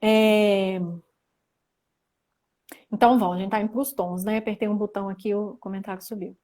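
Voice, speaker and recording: Young Brazilian woman, chatty livestream teacher, medium pitch, talking to viewers through a phone mic. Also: normal speed. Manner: chatty, reads viewer comments aloud, animated. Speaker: livestream host teaching Mandarin. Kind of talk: casual livestream lesson.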